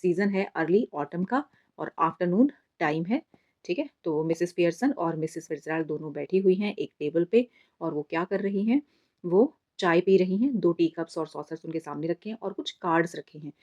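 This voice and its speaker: A woman's voice: lowish voice, animated, normal speed, darkish tone. A woman teacher giving an exam summary lesson in mixed Hindi and English, patiently explaining and calling her students "beta". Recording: slightly dull lo-fi recording.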